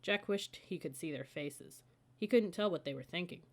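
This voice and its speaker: A woman with a slightly low voice reads a children's audiobook at normal speed, guiding the listener through each scene as a storybook narrator.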